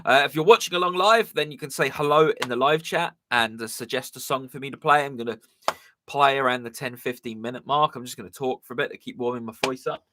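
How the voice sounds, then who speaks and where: Talking fast over background noise, a young man with a southern English accent rambles casually while hosting his live stream as a musician, using lots of ums and uhs. His voice is medium-pitched and slightly strained.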